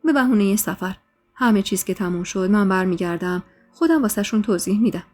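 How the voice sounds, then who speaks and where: A woman's voice: medium pitch, animated, darkish tone, soft background music, natural voice. A woman voicing a young husband who is evasive and pleading in a spoken story. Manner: placating, pleading.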